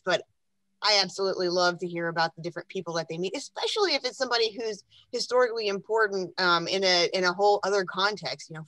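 Female panelist, medium pitch, conversational, very dry sound. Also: fairly bright tone, no echo, poor audio. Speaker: transcriber, panelist. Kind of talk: casual panel chat.

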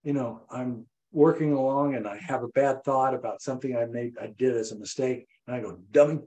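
An older man preaching a sermon as pastor, animated and repetitive, acting out voices. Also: fairly quick, poor audio. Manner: animated, repeats phrases, acts out voices with rising pitch. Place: church.

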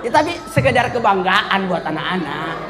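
A man in his fifties giving a humorous religious talk to an audience. He jokes constantly and leaps into high squeaky voices. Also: big pitch swings, fairly quick, heavy background noise. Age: 50s. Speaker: preacher. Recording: hall reverb with faint crowd.

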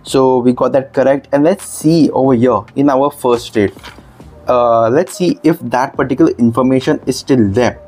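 A man's voice: mid-range voice, moderate pace, a little mellow, soft background music. A man who tutors for medical entrance exams, walking viewers through an app and a textbook in an explanatory, emphatic way that is full of "okay"s. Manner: explanatory, emphatic, repeats 'okay'. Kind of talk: screen-demo lesson.

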